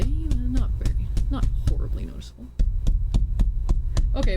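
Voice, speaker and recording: A woman livestreamer chatting casually while she paints, joking, swearing and playfully exasperated. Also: on the low side. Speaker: streamer. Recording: livestream with clear background noise.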